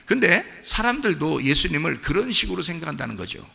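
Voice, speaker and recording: A man's voice: fairly high pitch, sing-song, fairly quick, vocal fry, bright, forceful tone, breathy edge, long reverb tail. A male pastor preaching a sermon in a conversational way, quizzing the congregation with repeated questions. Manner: acts out quoted voices to make a point. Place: church sanctuary.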